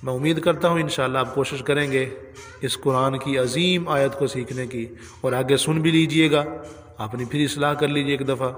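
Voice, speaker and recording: A man teaching correct pronunciation of recitation, stretching out each word slowly as he shows how to say it. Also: medium pitch, fairly even intonation, long reverb tail. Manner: slow, drawn-out demonstrations of words. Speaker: Quran teacher. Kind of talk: pronunciation lesson.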